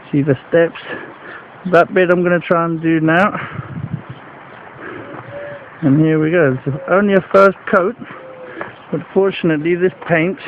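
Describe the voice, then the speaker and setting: A man talks through his work in a plain, rambling way, a little out of breath. He is outdoors, recorded on a handheld camcorder that sounds thin and tinny, with faint hiss behind him. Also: on the high side. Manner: plain, rambling, matter-of-fact explaining. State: a bit out of breath. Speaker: home video maker. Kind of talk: casual walkaround commentary. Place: outdoors by a house wall. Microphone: handheld camcorder mic.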